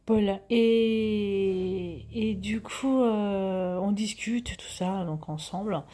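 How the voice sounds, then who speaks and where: Woman, 50s, husky, dark and mellow voice, chatty vlog storytelling with fillers. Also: medium pitch, extremely slow. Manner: chatty, many fillers and restarts, drops to a whisper at times. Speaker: vlogger. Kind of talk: casual storytelling to viewers.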